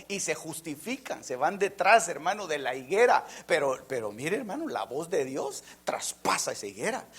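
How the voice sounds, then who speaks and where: A man preaching a fervent sermon, jumping from loud emphatic lines to near-whispers and often addressing listeners as brother. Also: a little high, husky. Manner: keeps calling listeners "hermano".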